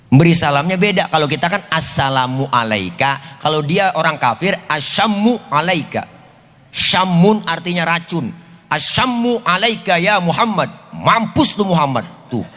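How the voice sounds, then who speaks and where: A man's voice: medium pitch, fairly bright tone. Joking Betawi preacher man. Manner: jokey, playful street slang. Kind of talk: comic sermon. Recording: long hall reverb.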